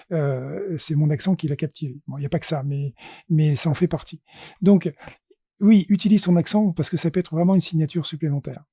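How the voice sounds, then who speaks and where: A man from France hosts an online audio room and gives encouraging advice. His voice is husky and dark, a little high for a man. It sounds dry and close. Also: no echo. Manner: encouraging, advising. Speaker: room host.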